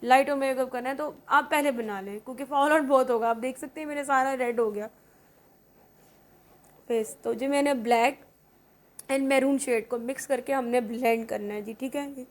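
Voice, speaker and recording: Chatty high-voiced woman makeup vlogger. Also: fairly even intonation, moderate pace. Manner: chatty, repeats "theek hai" often. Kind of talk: casual makeup tutorial.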